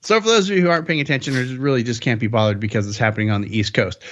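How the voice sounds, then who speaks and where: A man's voice: medium pitch, rapid-fire, muffled recording. A man hosting a car podcast, chatting casually and upbeat, rambling with jokes. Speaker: podcast host.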